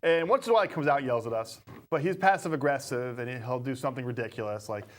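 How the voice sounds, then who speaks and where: A man's voice: mid-range voice, animated, fast. A man co-hosting a local talk show, chatting casually, teasing and laughing often as he talks to viewers. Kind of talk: casual chat.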